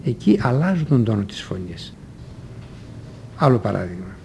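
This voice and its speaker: A man teaching a language lesson, reading example sentences in a measured, deliberate way with careful pauses. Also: lowish voice, very animated, gravelly, mellow, slight background noise.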